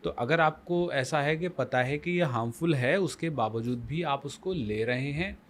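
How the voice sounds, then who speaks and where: On a podcast, a male guest life coach with a medium-pitched voice speaks a little slowly. He explains things emphatically, leans on rhetorical questions, and mixes Hindi with English phrases.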